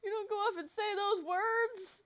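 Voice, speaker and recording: A woman's voice: very high voice, fairly even intonation, moderate pace, a crowd in the background. A woman streamer chatting casually and teasing her friend, with playful dramatic outbursts. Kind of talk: casual chat.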